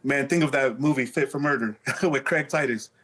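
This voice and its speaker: A man's voice: medium pitch, moderate pace, a bit bright. A man speaking candidly as an interview guest, telling stories casually in streetwise slang with some swearing.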